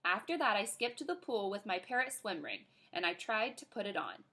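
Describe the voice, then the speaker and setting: Animated woman reading a kids' book. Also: mid-range voice, a little fast. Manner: expressive, animated. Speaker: reader. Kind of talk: reading a children's book aloud.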